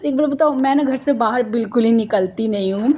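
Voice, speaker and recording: A woman's voice: a little high, fairly quick, dark tone, highs cut off, slight background noise. A woman in her thirties from India, narrating her family vlog in a chatty, rambling way full of homely asides. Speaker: family vlogger, mother.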